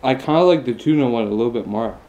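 A man's voice: medium pitch, dark tone. Enthusiastic young man tasting food. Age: 20s. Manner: enthusiastic, eating between lines with drawn-out mmm sounds. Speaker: food vlogger. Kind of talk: casual mukbang tasting review.

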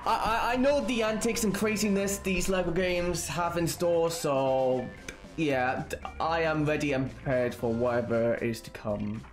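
High-voiced young Scottish man. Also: measured pace, soft background music. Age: 20s. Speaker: game streamer. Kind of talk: casual live gameplay commentary.

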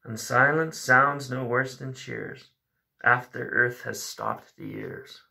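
With a mid-range voice whose pitch swoops wildly, a man in his thirties speaks slowly, sounding creaky, pushed and bright. He hosts a poetry reading video, reciting verse and chatting casually and reflectively about it. The setting is a small room at home with a bookshelf.

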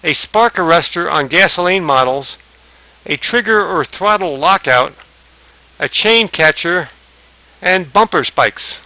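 A man's voice: on the high side, sharp tone, no room sound, poor audio. A man narrating a safety training slideshow, reading lists aloud with small slips and restarts. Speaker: safety instructor.

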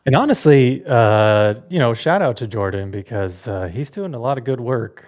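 A man's voice: medium pitch, animated, normal speed, darkish tone. A man co-hosting a casual podcast, chatty and laughing lightly between words. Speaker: podcast co-host.

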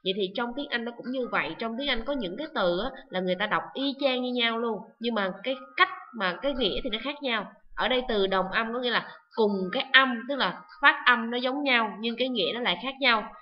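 A woman teaching an online English lesson, loudly repeating words and often checking whether the students follow. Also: a little high, brisk, hardly any pauses, muffled recording. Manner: drills words loudly with repetition; asks students frequent checking questions.

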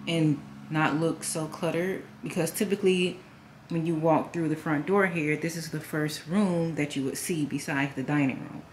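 A woman's voice: low voice, a little mellow. A young woman casually walking through her apartment on camera, rambling with lots of fillers and restarts. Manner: rambling, filler-heavy, self-correcting. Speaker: home vlogger. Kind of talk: casual home tour narration. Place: small apartment, indoors.

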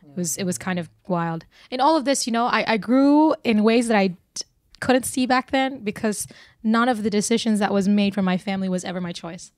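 Sitting on a couch in a small studio with a handheld mic, this twenty-something singer and nurse from Burma talks casually as a podcast guest. Her mid-range voice runs a little fast, and she's easygoing, chatty and quick to laugh. The recording is dry.

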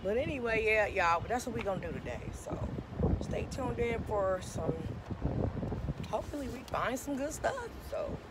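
Chatty woman vlogging with lively voice. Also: fairly high pitch, moderate pace. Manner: chatty, blunt, laughing, talks to viewers as y'all. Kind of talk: casual vlog narration. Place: outdoor parking lot, then big indoor flea market. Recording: loud background noise.

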